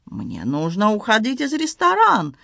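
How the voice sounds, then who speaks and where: A man's voice: high voice, wildly swooping pitch, a little slow, vocal fry, pushed and bright, no room sound, clean studio sound, voice pushed up, exaggerated voice. A woman reading an audiobook, voicing an eager, kind-hearted Frenchman who speaks in broken phrases with a French accent. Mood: eager, flustered. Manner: broken grammar, eager, hasty. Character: flustered kind-hearted Frenchman, adult man. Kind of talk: audiobook character voice.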